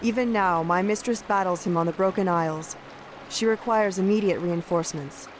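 A woman's voice: lowish voice, moderate pace, a little hiss or hum, lightly acted, poor audio. An actress playing an earnest young female night elf messenger, speaking formally and urgently in a game cutscene. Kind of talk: video game cutscene voice acting.

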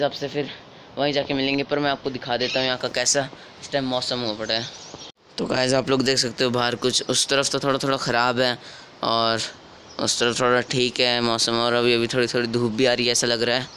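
A teenage boy with a slightly hoarse voice from a cold talks through a casual daily vlog. He keeps his pitch level and unhurried, and he picks his words slowly. He is recorded on a handheld phone, with plenty of ambient noise behind him. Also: a bit bright. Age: teens. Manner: talks slowly and carefully on purpose. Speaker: vlogger.

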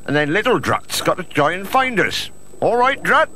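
A man voicing an excitable, grumbling monster servant in a cartoon, with a British accent and exclamatory, informal speech. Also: sits high, moderate pace. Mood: eager. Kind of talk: cartoon voice acting. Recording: noisy, echoey old video soundtrack.

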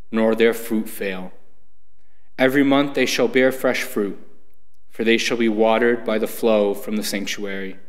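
A middle-aged man reading scripture and psalms aloud at Mass in a formal, deliberate way. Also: lowish voice. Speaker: lay reader at Mass. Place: church sanctuary, standing at lectern. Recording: echoing church with long reverb.

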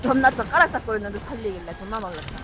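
A woman playing an online game and chatting casually with a teammate, blunt, excitable and often swearing. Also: mid-range voice, very fast, very noisy. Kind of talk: casual gaming chat with a teammate. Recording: loud game music behind the voice. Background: loud game music.

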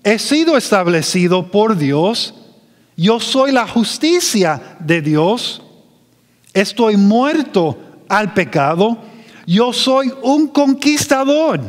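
A man preaching a sermon as pastor, slow and emphatic, drawing out his phrases. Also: high-pitched, big-room sound.

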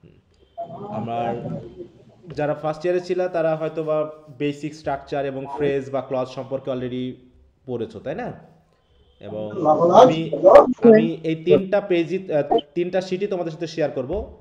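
In dull, echoey audio, a man with a Bangladeshi Bengali accent leads an online English lesson, breaking it into steps and regularly questioning students to keep them engaged. He speaks at normal speed with a higher, dark-toned voice and long pauses.

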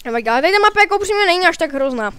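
A man giving casual, rambling commentary while playing a shooter game, excitable and swearing now and then. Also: extremely high pitch, no room sound. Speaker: gaming video creator.

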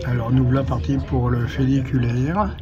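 Man, mid-pitched voice, casual travel vlog, lots of filler words, crowd noise behind. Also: steady tone, moderate pace, highs cut off. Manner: hesitant, with many fillers. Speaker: travel vlogger. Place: outdoors.

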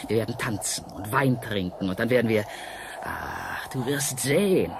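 The painter from an ancient world, seductive and mysterious, is voiced by a male radio-play actor with a fairly low pitch, lively intonation, and vocal fry. He coaxes dramatically with halting pauses, and noise can be heard in the background.

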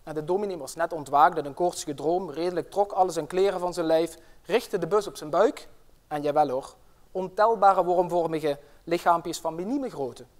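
A middle-aged man who is a professor and family doctor delivers an inaugural lecture in a friendly way. He hesitates with fillers and breaks into storytelling, in a fairly high voice for a man. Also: moderate pace. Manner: friendly, with frequent fillers, tells a tale. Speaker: professor and general practitioner.

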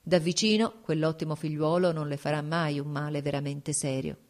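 A woman's voice: deep voice, steady tone, normal speed, a little mellow, natural voice. A woman reading an audiobook, voicing a shrewd, composed court duchess who speaks frankly and persuasively.

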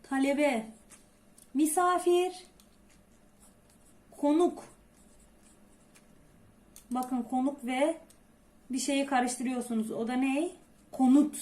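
A woman teacher explaining a lesson, asking herself rhetorical questions and answering them, with slow, stressed explanations. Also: high voice, darkish tone. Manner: asks many rhetorical questions. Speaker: Turkish teacher. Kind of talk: classroom lesson.

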